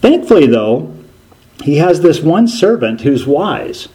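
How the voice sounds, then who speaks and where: Animated male preacher telling a story. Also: on the high side, takes it slowly, rough recording. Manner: animated storytelling with frequent restarts. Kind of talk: sermon.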